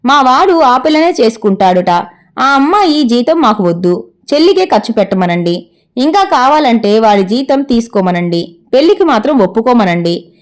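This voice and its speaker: A woman's voice: fairly high pitch, big pitch swings, moderate pace. A woman voicing a fretful middle-aged mother who scolds and complains to get her son married. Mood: scolding.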